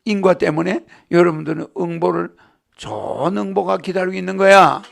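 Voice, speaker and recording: A man with a strikingly gravelly, creaky voice that sits high for a man. He lectures a live crowd in a loose, rambling way and keeps checking in with rhetorical questions. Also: normal speed, slight background noise. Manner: jokes and laughs with the audience. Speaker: spiritual lecturer.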